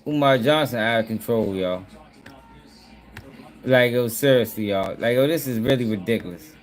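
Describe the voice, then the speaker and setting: A man hosting a casual reaction video, excitable and profane, addressing his viewers directly. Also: mid-range voice, moderate pace. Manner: excitable, profane, laughs often, repeats "yo" and "y'all".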